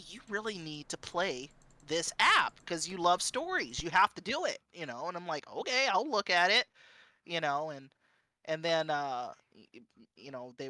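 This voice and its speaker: A woman with a low, sharp-toned voice chats casually as a guest streamer on a panel, often repeating herself at the start of her sentences.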